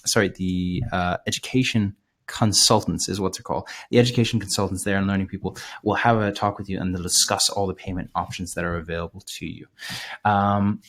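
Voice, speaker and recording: A man presenting a live webinar, talking casually with many fillers and restarts, his voice a little hoarse. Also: sits low, steady tone, fairly quick, a bit bright. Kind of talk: live webinar sales pitch.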